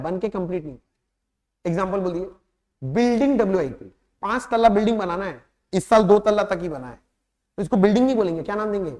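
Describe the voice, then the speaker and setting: A man with an Indian accent giving a classroom accounting lecture, quizzing his students often and drawing out key terms slowly. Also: sits high, big-room sound. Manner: talks straight to students, quizzing them with quick questions; lapses into slow, drawn-out words when stressing terms. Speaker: accounting teacher.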